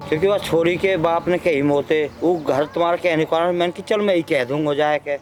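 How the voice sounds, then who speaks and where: A man's voice: on the high side, fairly quick, faint music behind, lightly acted. A man with a Haryanvi accent playing a respectful but insistent village neighbor bringing a complaint. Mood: earnest. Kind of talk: Haryanvi film acting.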